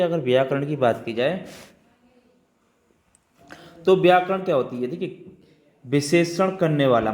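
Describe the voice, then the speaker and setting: A man teaching a grammar class for exam students. He repeats each key term and answers his own quick questions. His voice sits at an everyday middle pitch for a man. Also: a little mellow. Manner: repetitive, keeps checking with "ठीक है" and asking questions back. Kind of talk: spoken Hindi grammar lesson.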